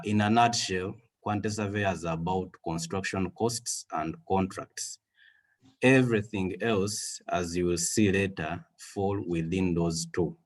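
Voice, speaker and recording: Over a video call, a Western Ugandan man in his thirties gives a measured webinar talk as a guest speaker. His fairly low voice carries a Ugandan English accent, and he uses a lot of filler words.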